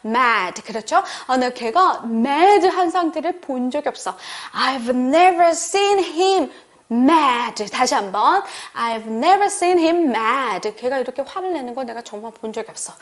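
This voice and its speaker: Animated woman teacher, high lively voice. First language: Korean. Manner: modeling English sentences slowly and emphatically for learners to repeat; lively, animated explanations with rhetorical questions. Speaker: English teacher. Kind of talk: online English lesson.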